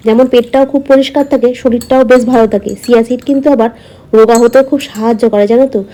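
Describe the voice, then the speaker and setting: A woman's voice: on the high side, fairly even intonation, racing, dark tone. A woman chatting casually to her viewers as a vlogger, explaining her daily routine, with a slight cold in her throat.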